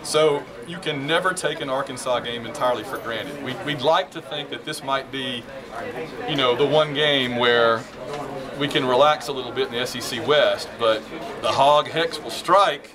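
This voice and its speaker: Male co-host, mid-pitched, playful banter with a live crowd audible. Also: fairly even intonation, normal speed. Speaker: football podcast co-host. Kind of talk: casual sports banter. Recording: live show with crowd behind. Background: crowd noise.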